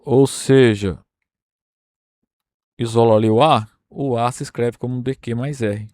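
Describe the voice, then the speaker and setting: A Brazilian man lectures through a number theory proof at an unhurried pace, pausing often to check that his listeners follow. His voice sits at an ordinary middle pitch, recorded dry and close with little room sound. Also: fairly even intonation, mellow, no room sound. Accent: Brazilian Portuguese. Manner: explains step by step, checking in with "tá?" and "né?". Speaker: university math lecturer.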